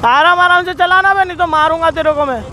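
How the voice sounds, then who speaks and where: Young man, high pitch, loud and urgent outdoor vlogger, faint background hiss. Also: fast. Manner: shouting urgent commands. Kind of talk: excited outdoor confrontation vlog. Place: outdoors on a road.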